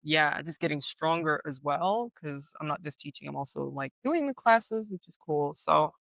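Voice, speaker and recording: A woman co-hosting a podcast in casual chat, an animated storyteller who leans on fillers. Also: sits low, normal speed, creaky, no room sound. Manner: enthusiastic. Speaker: podcast co-host.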